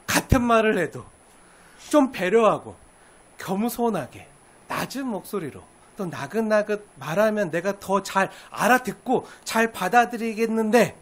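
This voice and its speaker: High-voiced Korean man preaching. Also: unhurried. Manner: animated, acts out quoted lines with laughter. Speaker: pastor. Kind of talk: sermon.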